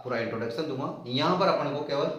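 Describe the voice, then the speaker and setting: A man's voice: on the high side, fast talker, muffled recording. A man teaching a maths lesson at a board, repeating key terms back as questions. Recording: echoey room, voice from a distance.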